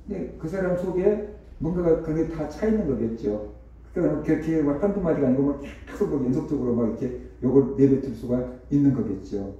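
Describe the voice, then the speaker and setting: A man preaching a conversational sermon as pastor, telling a story with rhetorical questions and lively repetition. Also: medium pitch. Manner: repetitive, animated retelling. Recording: echoey hall, distant dull mic.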